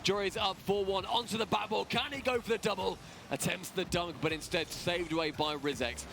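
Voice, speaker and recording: A man calls live esports play-by-play at a very fast clip, in a voice sitting somewhat high for a man. He mixes energetic calls with joking banter. His broadcast feed carries a clear layer of background noise. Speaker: esports caster.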